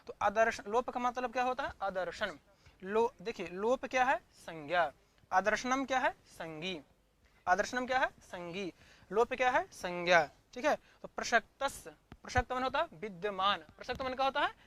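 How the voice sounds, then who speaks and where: A man's voice: high voice, expressive, normal speed, sharp tone. A man giving an online Sanskrit grammar class, asking questions and answering them himself, repeating each term. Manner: searches the screen for notes aloud mid-lesson.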